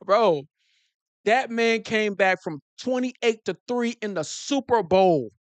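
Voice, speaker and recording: A man hosting a casual live stream, talking fast and excitedly, repeating himself and using slang. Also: high-pitched, no room sound. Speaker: football streamer host.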